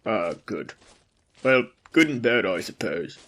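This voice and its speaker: A man's voice: fairly low pitch, very animated, slow, fairly bright tone, heavily acted. A man doing a scoffing, blunt soldier. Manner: scoffing, swearing. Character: skeptical male soldier, blunt and foul-mouthed.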